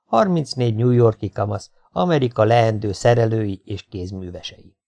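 A man's voice: on the low side, gravelly, darkish tone. A man reading an audiobook aloud in a wry, dry storytelling manner. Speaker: audiobook reader. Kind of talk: audiobook narration.

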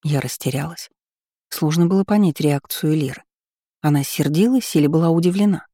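Woman audiobook narrator, calm and even, mellow tone, dry close sound. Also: low voice, fairly quick, no room sound. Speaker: audiobook reader. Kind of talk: scripted first-person narration.

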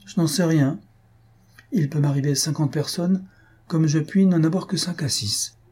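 A man's voice: a little high, normal speed, darkish tone, breathy edge, pitched above the performer's own voice. A man voicing an affectionate but bossy society lady who talks firmly and coaxingly.

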